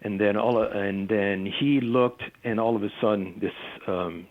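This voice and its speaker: Deep-voiced man on a tinny phone line. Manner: halting, with many fillers and restarts. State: losing his voice. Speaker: UFO field investigator. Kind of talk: recounting a case in an interview.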